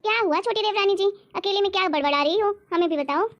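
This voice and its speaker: Gentle, sympathetic young sister-in-law for a cartoon, high and soft, played by a woman. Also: fast, highs cut off. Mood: concerned. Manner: soft-spoken, pleading, sympathetic. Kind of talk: cartoon story voice acting.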